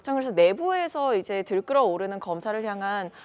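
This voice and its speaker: A woman commentating on a political panel show, laying out long, hedged arguments in a measured way. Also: mid-range voice, big pitch swings, a little mellow.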